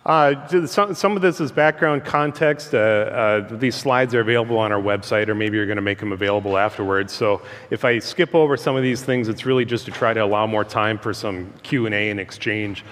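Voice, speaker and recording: A man giving an informal public presentation through loud speakers, speaking in a halting, conversational way as a guest speaker. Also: lowish voice. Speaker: guest speaker, transportation engineer. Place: large room, speaking through a PA system. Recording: hall reverb, amplified through loudspeakers.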